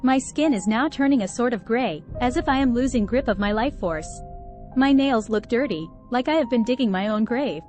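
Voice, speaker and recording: High-voiced woman reading a horror tale. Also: animated, normal speed, darkish tone. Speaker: story narrator. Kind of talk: first-person horror story reading. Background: faint background music.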